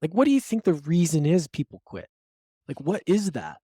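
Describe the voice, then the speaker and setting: A man's voice: on the high side, very animated, moderate pace, mellow, slightly rough, no echo, studio quality. A man hosting a podcast, speaking enthusiastically and asking his guest probing questions. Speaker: podcast host. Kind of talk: casual interview.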